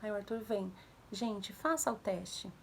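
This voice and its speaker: A young woman casually giving parenting advice to viewers, animated, acting out commands in a raised voice. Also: medium pitch, unhurried, gravelly, slight background noise. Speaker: mother sharing parenting tips.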